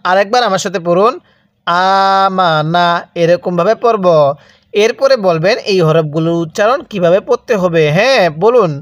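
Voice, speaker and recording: A man's voice: high-pitched, no room sound, clean studio sound. Patient male teacher drawing out syllables. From Bangladesh. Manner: drawn-out slow syllables, repeats and prompts learner to read along. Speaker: Quran reading teacher. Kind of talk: step-by-step recitation lesson.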